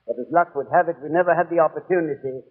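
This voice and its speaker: A man's voice: a little high, quick pace, in a large hall, natural voice. Tinny old-radio genial doctor played by a man. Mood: genial, reminiscing. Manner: avuncular, rambling, loses his thread. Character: genial, chatty old English doctor reminiscing about detective adventures. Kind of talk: 1930s radio storytelling and sponsor patter. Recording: tinny, hollow 1930s radio recording.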